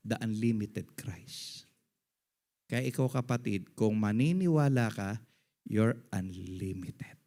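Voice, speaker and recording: A middle-aged man preaching as a pastor, mixing English phrases into his sermon and calling for "Amen" from the congregation. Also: unhurried. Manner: swings between quiet, low asides and loud, high-pitched emphasis. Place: church service.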